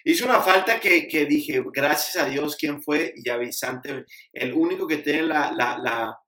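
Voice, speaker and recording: Guy from mexico chatting about football, kinda high voice, echoey room. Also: unhurried. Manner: relaxed, chatty recounting with fillers. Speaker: podcast co-host. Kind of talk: casual sports chat.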